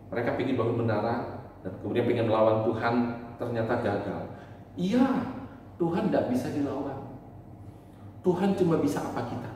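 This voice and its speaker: A pastor giving a Sunday school sermon to children, animated, asking them questions and acting out little voices, in a church hall. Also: male voice, mid-range voice, normal speed, pauses often, a little hiss or hum. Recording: echoey church hall, mic far off.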